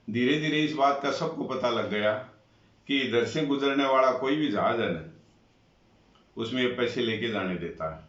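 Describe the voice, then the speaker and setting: A man telling a moral story in a calm, plain, folksy way, as a motivational storyteller. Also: medium pitch. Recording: roomy, dull lo-fi recording.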